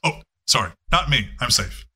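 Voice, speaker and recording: A man doing a calm, sardonic vampire woman. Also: mid-range voice, moderate pace, slightly rough, heavily acted. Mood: dry.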